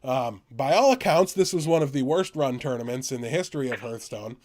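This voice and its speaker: An American man co-hosting a gaming podcast, chatting casually and excitably, quick to laugh. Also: medium pitch. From United States. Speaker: podcast co-host.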